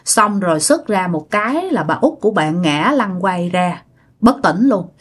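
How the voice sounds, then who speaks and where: A woman's voice: fairly low pitch, expressive, measured pace, husky. A woman telling a ghost story in a chatty way, speaking straight to her listeners. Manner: chatty, addresses listeners directly. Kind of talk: casual ghost-story narration.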